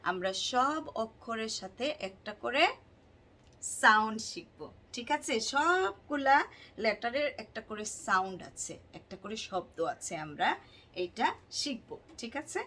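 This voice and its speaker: In a phonics lesson for kids, a woman with a Bangladeshi accent teaches letter sounds, drawing words out slowly and repeating them in a sing-song way while switching between English and Bangla. Her voice is fairly high, expressive, pushed and bright.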